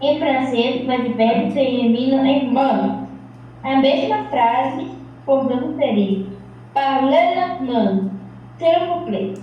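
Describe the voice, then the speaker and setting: A woman student reading a lesson text aloud in a careful, measured way. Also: sits high, a little hiss or hum. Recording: echoey, distant, dull sound.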